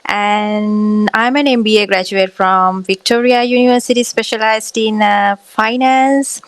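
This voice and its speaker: A woman's voice: medium pitch, fairly even intonation, smooth, no echo. Earnest Sri woman, dry sound. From Sri Lanka. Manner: earnest, halting with frequent fillers. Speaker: pageant contestant guest. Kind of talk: podcast interview.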